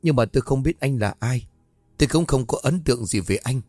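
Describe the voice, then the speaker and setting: Guy doing a frightened young woman, pleading, voice raised a bit, soft music behind. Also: mid-range voice, brisk, dry recording, close to an everyday voice. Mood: wary.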